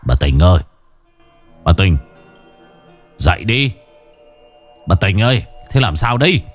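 Horror audiobook: a frightened older father, as a narrator puts him on, low, urgent calls. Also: sing-song, measured pace, soft background music. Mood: panicked. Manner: panicked, urgent calling. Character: terrified older father waking his wife at night.

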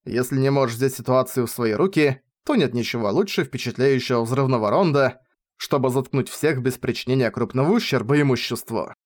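A man narrating a novel in the first person with an expressive, lively reading. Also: medium pitch, a little fast. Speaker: audiobook reader.

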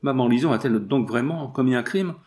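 A man's voice: mid-range voice, brisk, darkish tone, close to an everyday voice. A man voicing a frightened young woman who pleads for help, in a storybook reading. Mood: distraught.

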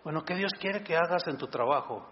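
A man, a pastor, preaching a sermon in an animated way and acting out quoted voices. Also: brisk. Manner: animated, acts out quoted voices in a higher pitch. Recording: dull sound with long hall reverb.

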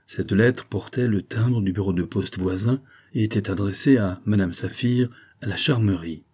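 A male audiobook narrator reads a classic novel in a measured, storytelling manner. His voice is low and husky with a dark, mellow tone. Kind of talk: scripted narration.

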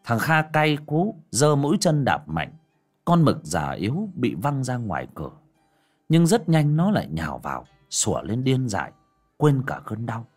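A man narrating a dramatic audio story in an expressive way. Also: mid-range voice, moderate pace, soft background music.

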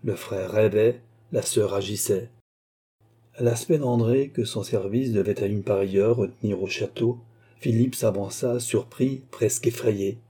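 A man reading a classic novel aloud in a measured, plain narration. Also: lowish voice, mellow, slightly rough. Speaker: audiobook narrator.

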